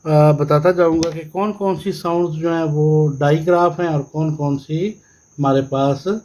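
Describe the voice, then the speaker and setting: A man's voice: fairly high pitch, fairly even intonation, measured pace, warm tone, poor audio. A male teacher explaining English phonics, spelling words out sound by sound and repeating them.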